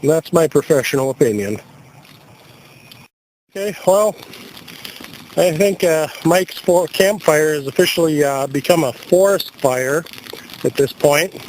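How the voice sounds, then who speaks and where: An American amateur radio operator at a campsite narrates his camping video in a joking, playful manner. His voice sits on the high side with lively intonation and a darkish tone, and he speaks a little slowly with long pauses. Audio comes from a handheld camcorder and is noisy.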